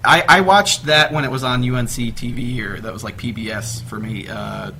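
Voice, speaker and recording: An American man hosting a casual chat, talking in an animated way. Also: medium pitch, moderate pace, gravelly. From northern US state.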